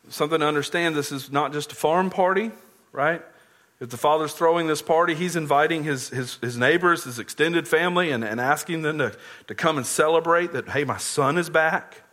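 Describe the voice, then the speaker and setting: A man's voice: on the high side, a bit bright. A man preaching a sermon, earnestly explaining scripture and often repeating words as he goes.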